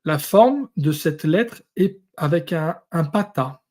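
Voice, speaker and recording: A man teaching a lesson, going through Hebrew and Greek words one at a time with many pauses. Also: on the high side, expressive, darkish tone. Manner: explains word by word, pausing often. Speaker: Bible teacher.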